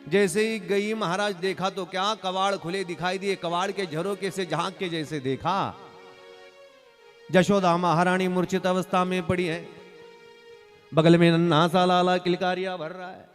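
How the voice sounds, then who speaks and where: A man's voice: sits high, fairly even intonation, moderate pace, soft background music. A man from Maharashtra, a Marathi native speaker, telling a devotional story as a sermon and acting out village characters in dialect voices. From Maharashtra, India. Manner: urges the audience to call out loudly. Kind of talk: Bhagavat katha sermon storytelling.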